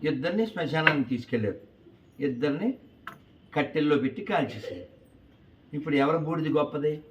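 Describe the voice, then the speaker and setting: A man telling a lively moral story to schoolchildren in an animated, coaxing way, quizzing them as he goes. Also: a little high, fairly quick. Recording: distant, dull with faint noise.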